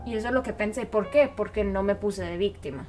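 A woman's voice: mid-range voice, a little fast, a little mellow, soft background music. A woman from Italy, speaking Spanish with an Italian accent, candidly telling a personal story as a guest.

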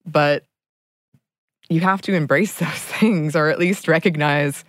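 This young woman co-hosts a book podcast, chatting casually but earnestly and laughing often between thoughts. Her voice is deep and her pace measured, captured in a dry, studio-quality recording.

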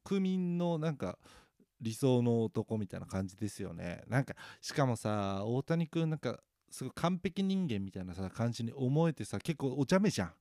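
Lively self-mocking chatty man. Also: mid-range voice, moderate pace, dry recording, studio quality. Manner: chatty, self-mocking, lots of fillers and laughs. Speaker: podcast host. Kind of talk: casual solo chat.

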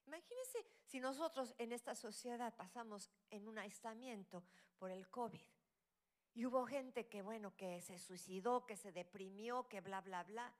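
A middle-aged woman preaching a sermon, with a fairly high-pitched voice. She shifts dramatically between loud, rising exclamations and quiet, whispered asides. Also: lively intonation, unhurried.

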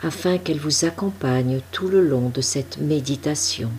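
A woman leading a guided meditation, giving soft, calm instructions. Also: deep voice, normal speed, slight background noise.

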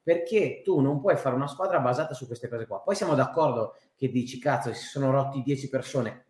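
A man's voice: medium pitch, brisk, darkish tone. A man in a casual, heated football discussion, speaking emphatically and swearing in exasperation. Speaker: football fan panelist. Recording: roomy, echoing room sound.

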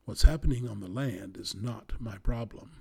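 A man reading a storybook and voicing an old, deep-voiced male whale that is gruff and wary, with a slow, booming, rumbling delivery. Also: dark tone. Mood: stern.

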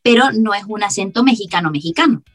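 A woman from Venezuela with a softened Caracas accent, a voice actress explaining her craft as a guest, laughing often as she talks. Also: mid-range voice, animated, quick pace, soft background music. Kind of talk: casual interview talk.

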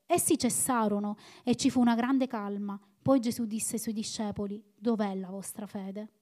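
A woman's voice: fairly high pitch, dark tone. A woman preaching a sermon in an earnest, exhorting manner, repeating phrases for emphasis.

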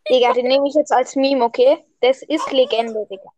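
A woman's voice: high voice, steady tone, normal speed, mellow. A woman chatting playfully on a podcast in slangy, hyped talk. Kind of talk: casual podcast chat. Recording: dull dry lo-fi sound.

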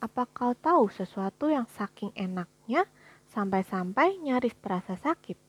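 A woman voicing a curious, blunt young girl in a storybook reading, with a breathy voice and eager, bright questions. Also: fairly high pitch, lively intonation, moderate pace.

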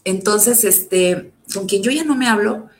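A woman tells her own story in a halting way, stumbling through fillers and restarts. Her voice sits at a middle pitch and often drops low and quiet as she speaks. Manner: emotional, often dropping to a low, soft voice. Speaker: survivor sharing her story. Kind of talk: personal testimony.

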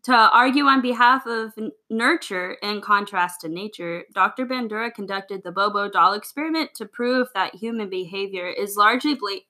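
Bright, giggly young woman. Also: mid-range voice, moderate pace, few pauses. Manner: giggly, laughs often, stumbles over words. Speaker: podcast co-host. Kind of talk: casual trivia chat.

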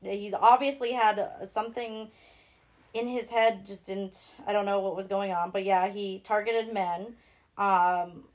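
A woman's voice: medium pitch, steady tone, measured pace. A young woman with a Minnesotan accent, co-hosting a casual true-crime chat and talking in a rambling, giggly way with many fillers. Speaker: podcast co-host.

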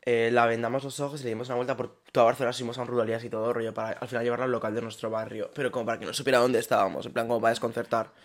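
A young man, co-hosting a casual podcast and telling stories in an animated way, laughing often. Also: mid-range voice, very fast, hardly any pauses. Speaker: podcast co-host. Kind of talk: casual chat.

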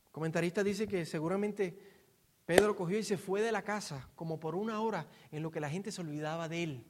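A man with a Puerto Rican accent delivers an expository sermon in a conversational, storytelling style, explaining scripture, acting out quotes and posing rhetorical questions. His voice is high and brisk, with slight background noise behind it.

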